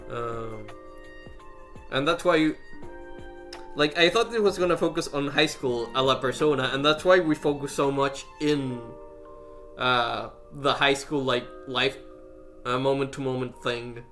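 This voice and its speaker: A man with a bright, sharp voice talks casually and thoughtfully on a game stream. He hesitates and restarts his sentences as he works through an idea. Soft game music plays behind him. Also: medium pitch, a little slow, long pauses.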